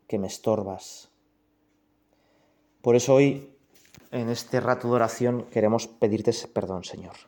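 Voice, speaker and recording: A man's voice: medium pitch, warm tone. A man with a Spain Spanish accent leading a guided prayer meditation, reflective and speaking directly to the listener. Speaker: prayer leader.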